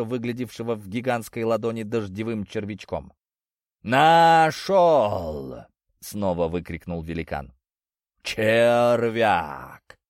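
Low-voiced male audiobook narrator. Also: dry recording, clean studio sound. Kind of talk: first-person scripted fantasy narration.

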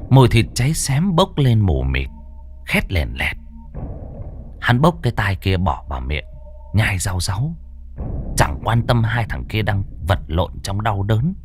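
A man's voice: on the low side, very animated, unhurried, pauses often, soft background music. A man narrating a horror story with dramatic, varied delivery.

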